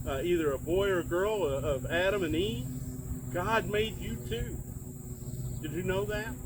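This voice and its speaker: A man's voice: on the high side, close to an everyday voice. A man playing Moses as a friendly Bible patriarch, telling stories to children conversationally and asking them questions, outdoors. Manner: conversational, asks young listeners questions. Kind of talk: children's storytelling. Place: outdoors among trees and plants. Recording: noisy outdoor recording with insect sounds.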